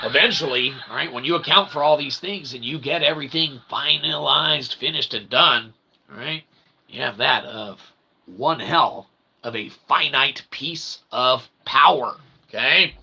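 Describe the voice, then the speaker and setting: He speaks at a measured pace and medium pitch, his sharp voice carrying vocal fry and a breathy edge. As host of his own channel, he rambles to camera in a joking philosophical monologue, using convoluted mock-formal phrasing, repetition and casual swearing, against noticeable background noise.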